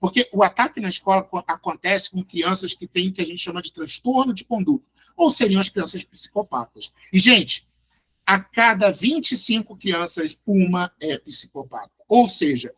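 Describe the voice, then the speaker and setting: Brazilian guy lecturing online, kinda high voice, keeps checking in w/ the class. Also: expressive, normal speed, sharp tone, husky. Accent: Brazilian Portuguese. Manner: emphatic, addresses listeners directly, tags sentences with a questioning "right?". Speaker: psychologist teaching a class.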